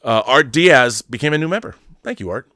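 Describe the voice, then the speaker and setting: A middle-aged man's mid-range voice comes across expressive and a little fast, with a sharp tone, recorded dry at studio quality. He hosts a film fandom livestream, answering viewer messages through casual, enthusiastic and opinionated fan talk, rambling and repeating words while he thinks.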